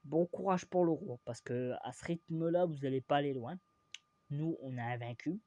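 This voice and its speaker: A man's voice: fairly high pitch, moderate pace, warm tone, dry recording. A young man from France rambling through a casual football vlog, hesitant and full of fillers and restarts, teasing and opinionated. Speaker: vlogger.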